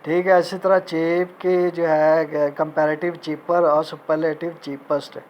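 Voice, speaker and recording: A man teaching a recorded grammar lecture in Urdu, reading out English example sentences and repeating each point slowly. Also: fairly high pitch, little pitch movement, lo-fi sound, slight background noise. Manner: mixes Urdu speech with spoken English examples.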